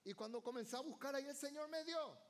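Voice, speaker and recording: A man's voice: very high voice, fast talker. A male pastor, preaching a fervent evening sermon in church and calling on the congregation to answer him. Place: church service.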